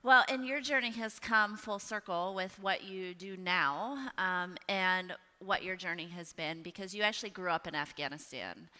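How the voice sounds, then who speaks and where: Bright, smooth-voiced woman hosting. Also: lowish voice, normal speed, few pauses. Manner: warm, effusive, encouraging. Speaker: host. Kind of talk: stage interview in a church ministry event. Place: church hall. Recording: long hall reverb.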